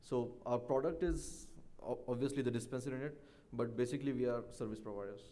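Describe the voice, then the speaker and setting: A man with a mellow, relaxed tone and medium pitch answers as a startup presenter. He is hesitant, assembling his explanation piece by piece. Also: fairly quick. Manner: hesitant, piecing the answer together. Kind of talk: answering questions at a pitch competition.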